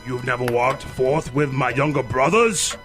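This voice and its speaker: An actor playing a jovial giant Christmas spirit in an audio drama, hearty, theatrical and declamatory. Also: male voice, medium pitch, a little slow, over music, lightly acted. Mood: jovial, commanding. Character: jovial booming giant Ghost of Christmas Present.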